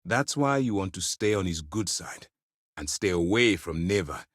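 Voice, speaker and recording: An actor playing a stern, principled space fleet commander in a video game, speaking formally and with authority. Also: male voice, low-pitched, animated, normal speed, dry recording, studio quality. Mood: measured, resolute. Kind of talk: scripted video game character dialogue.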